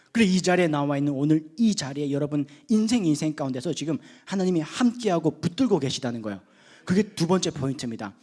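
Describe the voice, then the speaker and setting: A man preaching a sermon at a youth worship service in a conversational way, swinging from loud emphasis to hushed asides. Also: fairly high pitch, breathy edge.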